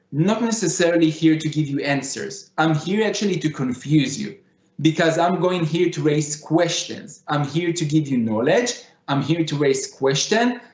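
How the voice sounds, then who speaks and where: Male conference speaker, Middle Eastern accent, non-native English, lightly raised pitch, roomy echo on the sound. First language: not English. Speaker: conference speaker, digital fashion designer. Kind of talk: conference lecture. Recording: echoey room, slightly dull sound.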